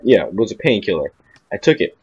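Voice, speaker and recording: A man's voice: lowish voice, very animated, a little fast, a little mellow, slightly rough, muffled recording. Rambling young man telling a story. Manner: rambling, repeats "I'm like", laughs at himself. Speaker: podcast co-host. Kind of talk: casual storytelling chat.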